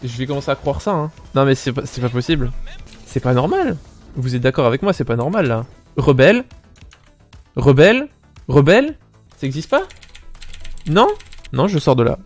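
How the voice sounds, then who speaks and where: A young man with a Belgian French accent giving casual, animated gameplay commentary as a streamer, swearing often and talking straight to his viewers. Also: medium pitch, fast, faint music behind.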